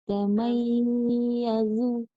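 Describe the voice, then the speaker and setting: A woman student in an online recitation class, carefully and slowly repeating the teacher's examples. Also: fairly high pitch, little pitch movement, lo-fi sound.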